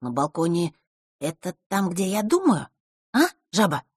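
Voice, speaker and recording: A woman's voice: on the low side, animated, normal speed, husky, no room sound, clean studio sound. Woman doing an eager teasing camp boy.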